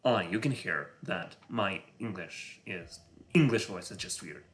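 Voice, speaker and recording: Slow, low-voiced Russian-accented man coding. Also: expressive, a bit bright. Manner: halting, many filler sounds, muttering to himself; self-conscious about his English voice. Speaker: programmer streaming live. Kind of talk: live coding stream, thinking aloud.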